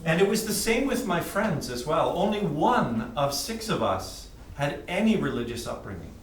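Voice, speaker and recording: Male testimony speaker, Western Canadian accent, unhurried short phrases, slightly high voice, roomy distant sound. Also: very animated. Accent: Western Canadian English. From British Columbia, Canada. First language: English. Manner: pauses between short, plain phrases. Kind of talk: personal testimony told in short phrases for translation. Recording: distant mic in echoey room, faint noise.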